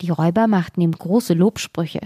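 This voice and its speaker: A woman reading a fairy tale aloud in a calm, measured way as storyteller. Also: fairly low pitch, slightly rough, no room sound, studio quality.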